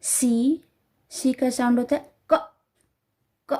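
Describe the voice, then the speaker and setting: A woman teaching letter sounds to parents, repeating each sound carefully and slowly. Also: sits high, steady tone, warm tone. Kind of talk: slow instructional explanation.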